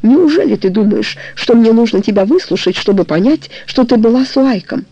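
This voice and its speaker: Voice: mid-range voice, lively intonation, brisk, dark tone. A reader voicing a young man in love who turns jealous and furious, speaking harshly and accusingly. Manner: pleading, then harsh and accusing. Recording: dull lo-fi recording.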